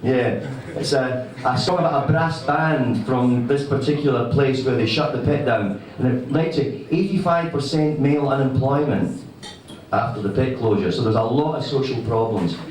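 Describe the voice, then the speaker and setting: A man's voice: medium pitch, moderate pace, darkish tone. Scottish man with a broad accent, very echoey. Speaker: folk singer-songwriter. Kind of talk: casual spoken introduction to a song at a live gig. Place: live venue before an audience. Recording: very echoey live room, distant microphone.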